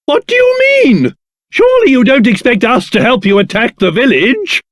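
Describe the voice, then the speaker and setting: An actor with a British accent playing a pompous, excitable old king in a video game, theatrical and blustering, with old-fashioned posh phrasing. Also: extremely high pitch, moderate pace, full character voice. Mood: grave, exasperated. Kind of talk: video game character voice acting.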